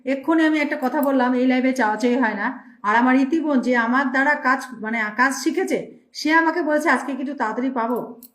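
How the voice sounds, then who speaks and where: A woman's voice: sits high, a little fast, roomy sound. A woman hosting a live stream, reading out viewer names and thanking them one after another in speech.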